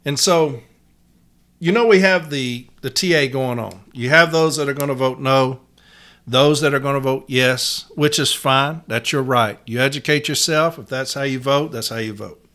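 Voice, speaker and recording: A man hosting a podcast, giving a gruff, blunt, profane tough-love rant in plain-spoken language. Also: mid-range voice, moderate pace, fairly bright tone. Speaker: podcast host, union letter carrier.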